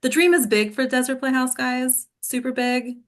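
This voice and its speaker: A woman with a high-pitched voice speaks at a normal speed with fairly even intonation. She's an acting coach teaching a class, explaining things informally and often checking in with her listeners with "okay?" and "right?"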